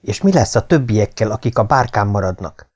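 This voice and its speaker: A man's voice: on the low side, lively intonation, darkish tone. A man voicing the angry adventurer hero of his own first-person tale, indignant and raised.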